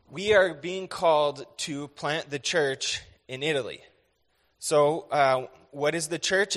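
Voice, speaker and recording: A man's voice: mid-range voice, fairly bright tone. An American man in his thirties giving a church missions presentation, earnest and conversational with many fillers. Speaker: missionary speaker. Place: church sanctuary. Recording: echoey hall with long reverb.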